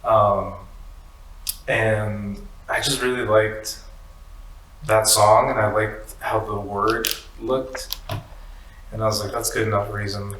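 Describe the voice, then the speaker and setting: A young man, a musician guest born in the United States to Mexican parents, talking in a relaxed, halting way with many "like"s and "um"s. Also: lowish voice, far from the mic. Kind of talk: casual interview chat. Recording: echoey room, off-mic, faint hiss.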